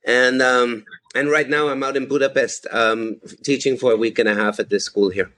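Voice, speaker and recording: A man's voice: medium pitch, steady tone, normal speed, bright, forceful tone. A man in his fifties from Austria, chatting enthusiastically as a podcast guest and laughing often. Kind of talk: casual chat.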